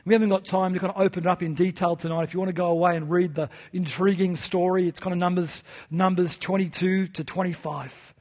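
A man with a fairly high voice preaches an evening sermon in church. He speaks earnestly and lets his phrases fall away soft and quiet at their ends. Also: fairly even intonation, quick pace, hardly any pauses. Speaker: pastor.

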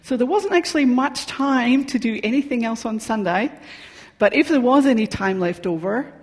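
A woman's voice: on the high side, lively intonation, moderate pace. Scottish woman preaching in a reverberant hall. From Scotland. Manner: conversational and personal, with frequent ums. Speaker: pastor. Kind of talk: sermon. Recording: long reverb of a large hall.

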